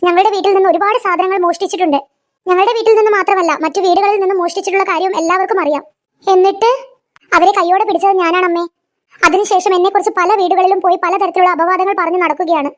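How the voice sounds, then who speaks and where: A woman voicing a calm, sincere young daughter-in-law who speaks earnestly. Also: very high-pitched, very fast.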